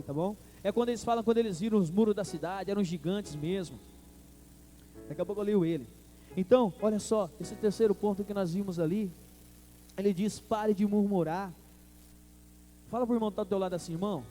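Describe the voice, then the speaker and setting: A man's voice: high-pitched, quick pace, warm tone, soft background music. A man with a Brazilian Portuguese accent preaching a sermon as pastor, calling out to the congregation. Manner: preaching with call-and-response to the congregation.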